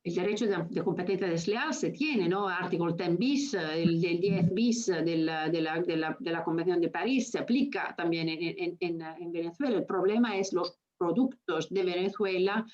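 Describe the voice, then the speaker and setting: A woman's voice: fairly low pitch, normal speed, hardly any pauses, darkish tone. A woman with an Italian-influenced foreign accent in Spanish, giving an informal academic talk and often searching for words or mixing languages. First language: Italian, speaking non-native Spanish. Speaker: guest speaker. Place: remote video call. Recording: muffled video call.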